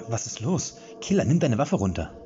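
A man voicing an earnest young hero who pleads and tries to sound calm. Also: mid-range voice, moderate pace, highs cut off, soft background music, voice pushed up, natural voice. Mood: pleading.

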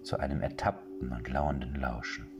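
A man calmly narrating a story in measured audiobook style. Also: a bass voice. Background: soft singing-bowl music.

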